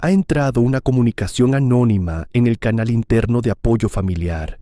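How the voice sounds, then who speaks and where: A man's voice: mid-range voice, fairly quick, dark tone, no room sound, lightly acted. A man voicing a serious, guarded male military commander in a storybook. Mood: grave.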